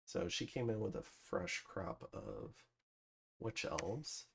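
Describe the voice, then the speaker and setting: A gameplay commentator with a fairly low, husky voice full of vocal fry talks slowly, his pitch swooping wildly. In casual let's-play style, he thinks aloud over his strategy game turns, using plenty of fillers.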